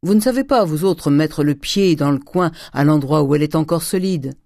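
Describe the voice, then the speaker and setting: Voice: medium pitch, moderate pace, gravelly, darkish tone, dry recording, studio quality, natural voice. A reader voicing a miserly old former cooper who jokes in a folksy, blustery way. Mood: gruff banter.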